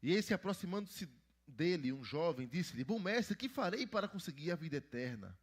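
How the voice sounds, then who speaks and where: A man's voice: fairly high pitch, big pitch swings, moderate pace, husky. A man, the pastor, teaching a Bible lesson in church and putting questions to the children. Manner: asks the children questions and prompts answers. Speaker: pastor teaching Sunday school.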